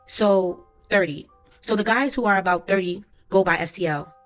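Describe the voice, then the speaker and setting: A woman's voice: mid-range voice, normal speed, close to an everyday voice. A woman reading aloud a court transcript as the lines of a lawyer, who asks formal, methodical questions, with faint music behind her.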